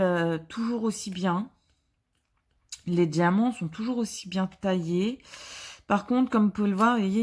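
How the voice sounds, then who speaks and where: Working on her diamond painting, a woman vlogger talks in a fairly low, darkish voice. Her casual chatter is hesitant and peppered with fillers and restarts, and she often jokes at her own expense.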